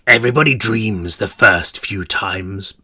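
A man voicing a gleeful, sinister prison warden who whispers and mocks slowly. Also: lowish voice, pushed and bright, slightly rough, voice pushed down, heavily acted. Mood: menacing. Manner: whispering, mocking, drawn-out.

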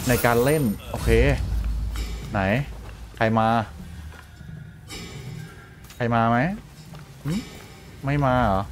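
A man hosting a gaming channel, giving chatty, playful let's play commentary with excitable outbursts during fights. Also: medium pitch, slight background noise. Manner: playful, chatty banter with in-game characters.

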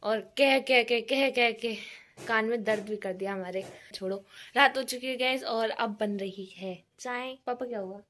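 A young woman vlogging casually at home with her family, chatty and quick to laugh as she talks to her viewers. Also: fairly high pitch, fairly bright tone. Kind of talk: casual home vlog chat.

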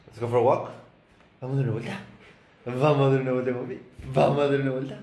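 A man's voice: medium pitch, steady tone, fast talker, warm tone, slight background noise. A man with an Argentine accent chatting casually at home for a vlog, coaxing his pet and baby in a playful, teasing way. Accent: Argentine Spanish. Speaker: vlogger. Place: home, indoors.

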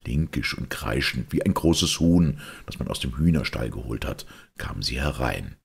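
A man narrating an audiobook in a very low, gravelly voice with a raspy grain. His reading rises and falls expressively as he carries the scene. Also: animated, normal speed. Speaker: audiobook reader. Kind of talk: scripted narration.

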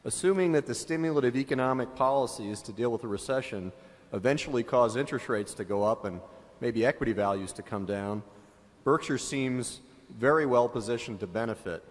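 A man's voice: mid-range voice, a little fast. A man in the audience politely asking a prepared, formal question at a shareholder meeting. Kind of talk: prepared question read from notes. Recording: long hall reverb from arena mic.

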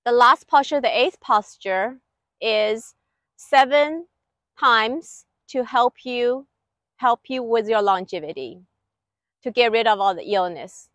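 A woman with a high voice leads an exercise class as its instructor. She gives one short, clipped direction at a time at a slow pace. The sound is close and dry. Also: a bit bright, no room sound. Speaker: qigong instructor. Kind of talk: exercise instruction, step-by-step cues. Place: outdoor lakeside paved terrace.

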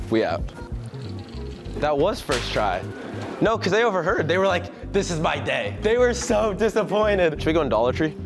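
A young man talking casually in a prank vlog, joking and laughing often with quick slangy talk, filmed on a handheld camera in stores and outside. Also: a little high. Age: young adult. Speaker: vlogger. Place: stores, parking lot and gas station, indoors and out.

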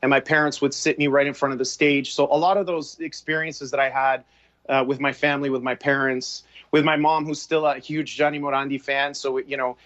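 A Canadian film director in his forties joins a video call as a guest from a room at home, reflecting aloud and restarting his sentences often. His medium-pitched voice is brisk, a bit bright, and fairly flat in intonation, and the call audio is dull and lo-fi.

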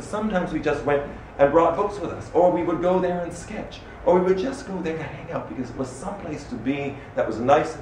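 A middle-aged man from Canada giving an animated, expressive public talk as an arts director in a small room. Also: fairly high pitch. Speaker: arts director speaking at a salon. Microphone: standing microphone. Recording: echoey room from far off, faint noise.

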